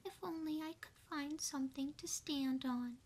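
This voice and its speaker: Woman doing a squeaky timid little mouse, whispered role-play. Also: moderate pace, darkish tone. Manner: high pleading little voice. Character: timid tiny female mouse, polite, pleading.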